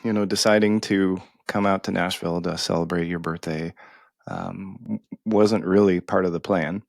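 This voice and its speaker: A middle-aged man with a deep, low voice shares a heartfelt personal story on a podcast. He speaks haltingly, stumbling and restarting as emotion catches him. The sound is dry and close. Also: fairly even intonation, creaky, dry recording. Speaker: podcast co-host.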